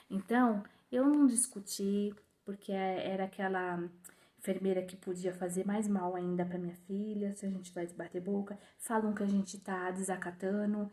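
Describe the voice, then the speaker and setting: A woman's voice: medium pitch, mellow. A young woman, a new mother, telling her story casually to the camera, acting out what others said and sounding indignant. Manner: retells dialogue in other voices, indignant and emotional.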